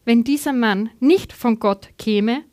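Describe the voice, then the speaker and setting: A woman reading the lines of a healed blind man who speaks plainly and insistently, with a rise in pitch on his questions. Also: slow, a little mellow.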